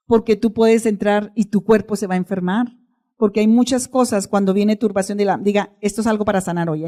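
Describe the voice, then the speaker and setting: A woman's voice: on the high side, dark tone. A middle-aged woman preaching a sermon, asking her congregation questions and answering them herself.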